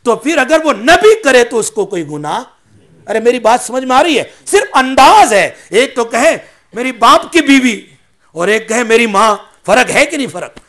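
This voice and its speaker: High bright-voiced male preacher. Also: big pitch swings. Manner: mixes in English phrases; asks the audience questions. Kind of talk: religious sermon.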